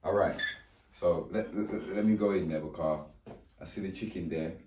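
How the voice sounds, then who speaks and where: A man's voice: low voice, moderate pace. A man chatting and joking as a guest in a home kitchen while food is cooked and tasted. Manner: playful, joking, lots of laughter. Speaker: guest cook. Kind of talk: casual chat while cooking. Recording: mic far off, loud frying noise.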